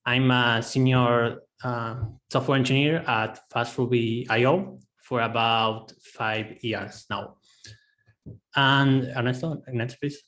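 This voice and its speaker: A man's voice: mid-range voice, fairly bright tone. A man from Argentina briefly introducing himself in a workshop over a video call, a little hesitant. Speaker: software engineer co-presenter.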